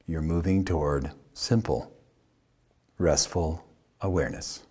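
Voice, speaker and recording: The speaker is a man with a husky bass voice, a yoga teacher leading a guided meditation. Calm and unhurried, he offers short phrases and lets long pauses hang.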